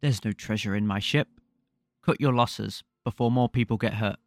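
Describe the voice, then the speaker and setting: A man's voice: lowish voice, normal speed, dry recording, studio quality, close to an everyday voice. A man voicing a male spacefarer who bargains with pirates, reading the lines plainly in a playful podcast role-play. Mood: calm. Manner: plain, barely acted line reading.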